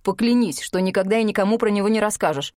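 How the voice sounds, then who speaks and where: A woman's voice: medium pitch, fast talker, darkish tone, no echo, studio quality, lightly acted. A woman voicing a stern, bossy older brother who talks coldly and commandingly, in an audiobook. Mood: alarmed. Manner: cold and commanding.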